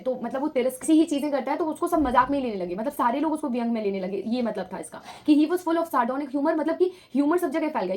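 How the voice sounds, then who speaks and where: A woman's voice: fairly high pitch, darkish tone. A woman teaching vocabulary in a patient, repetitive way, often checking that learners follow. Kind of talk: bilingual vocabulary lesson.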